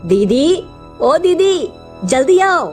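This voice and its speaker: A woman voicing a spoiled, squeamish young woman in an animated story, shrill and complaining. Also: normal speed, faint music behind, lightly acted. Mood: disgusted.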